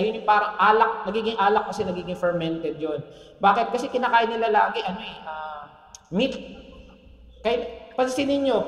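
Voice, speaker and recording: A male pastor delivers a sermon in a conversational tone and keeps checking in with the congregation. His voice sits notably high for a man. The sound rings around a roomy church hall with a long tail of reverb. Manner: conversational, often asks the congregation "Amen?".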